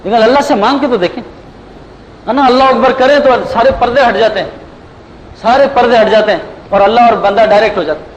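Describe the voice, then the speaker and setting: A man preaches in a high voice, moving from one everyday story to the next. He keeps checking in with his listeners with a quick rhetorical question. Faint background noise sits under the recording. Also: lo-fi sound. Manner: storytelling with anecdotes, frequent rhetorical "hai na?". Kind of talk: religious sermon.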